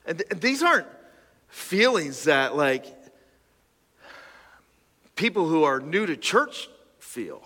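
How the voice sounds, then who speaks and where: A man in his thirties preaching a casual sermon, joking and restarting, then building to loud emphatic passages. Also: on the high side, big pitch swings, slow, long pauses, slightly rough. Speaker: pastor. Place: church auditorium. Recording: long hall reverb.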